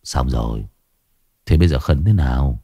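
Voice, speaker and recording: A man voicing a sick, gruff older brother who coughs and groans. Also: rumbling low, expressive, moderate pace, warm tone, no echo, clean studio sound, voice pushed down, heavily acted. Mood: sick grumbling.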